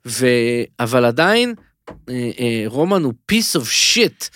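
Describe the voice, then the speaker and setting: A man co-hosting a casual TV-recap podcast, talking in animated, rambling bursts with many restarts. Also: mid-range voice, no echo, studio quality. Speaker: podcast co-host.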